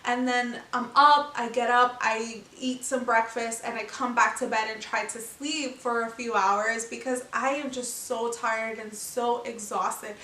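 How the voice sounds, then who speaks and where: A young pregnant woman talks casually to her camera, telling stories in a chatty, animated way. Her voice sits a little high. The sound is roomy and echoey, with the mic set back from her. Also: unhurried, hardly any pauses. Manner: chatty, animated storytelling with laughs. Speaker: vlogger. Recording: echoey room, mic at a distance.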